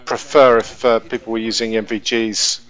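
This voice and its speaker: A man's voice: mid-range voice, little pitch movement, moderate pace, a bit bright. A man running a military-style briefing over game voice chat, orderly and directive. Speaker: player acting as military briefing leader.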